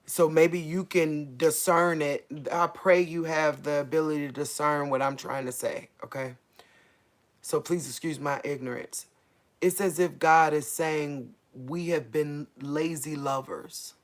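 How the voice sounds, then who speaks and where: A woman hosting a faith livestream, speaking a casual prophetic message to viewers in a halting way, searching for her words and repeating herself. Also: sits low, fairly even intonation.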